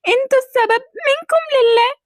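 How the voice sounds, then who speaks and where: A woman's voice: very high-pitched, quick pace, dry recording, clean studio sound. A woman voicing a tearful young woman thief in an amateur cartoon drama, wailing and pleading. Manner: crying, wailing pleas.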